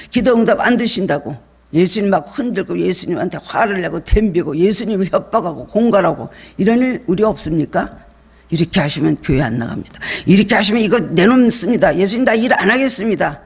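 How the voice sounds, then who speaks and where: A man's voice: sits high, creaky, husky. A male pastor preaching a sermon earnestly, asking his congregation one rhetorical question after another.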